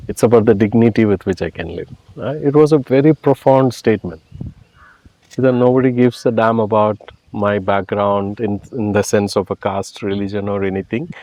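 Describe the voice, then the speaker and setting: Malayali guy with a strong kerala accent, relaxed dark voice, explaining stuff in an interview, really dry close sound. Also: fairly low pitch, no echo. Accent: Malayali Indian. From Kerala, India. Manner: explanatory, often tags phrases with "you know". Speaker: interview guest. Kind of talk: reflective conversational interview.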